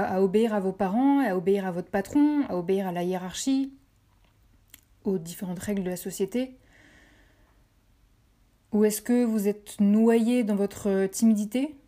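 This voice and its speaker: A woman's voice: medium pitch, warm tone. A French woman hosting a podcast, speaking directly to listeners in an encouraging way and repeating phrases for emphasis. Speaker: podcast host. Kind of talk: motivational podcast talk.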